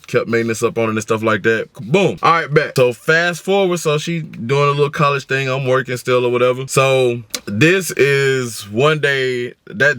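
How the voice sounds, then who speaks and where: A young American man tells a story as an animated rant in a mid-pitched voice. His delivery is casual and slangy, acting out both sides of the exchanges, and the sound is dry with no room echo. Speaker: storytime vlogger.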